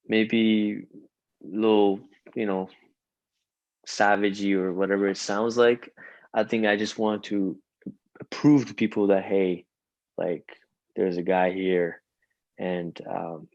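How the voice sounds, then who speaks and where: A young Iranian man, a rapper guest, chats casually in an interview, his accent shaped by Farsi, which he spoke before learning English. His fairly low, slightly mellow voice rambles through fillers, restarts and "you know"s. The recording is close, dry and muffled, with no echo or room sound.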